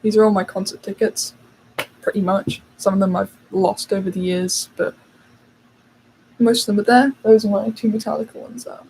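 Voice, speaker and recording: A woman's voice: mid-range voice, steady tone, normal speed, vocal fry, warm tone, low-quality recording. Young British woman, livestream host, chatty with fillers, faint background noise. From United Kingdom. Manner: chatty, reads out and answers viewer questions with fillers. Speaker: channel host. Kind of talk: casual livestream chat.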